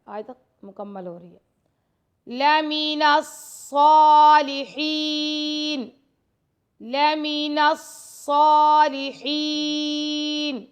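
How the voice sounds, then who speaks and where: A woman teaching a recitation lesson, explaining each rule quickly and then reciting the verse slowly. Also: high voice.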